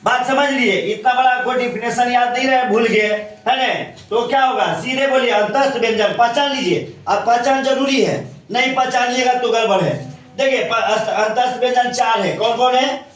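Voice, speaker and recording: A man's voice: very high-pitched, moderate pace, a bit bright. A male teacher giving a classroom grammar lesson, repeating points and asking questions constantly. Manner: repetitive, asks questions constantly. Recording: echoey room, voice from far off.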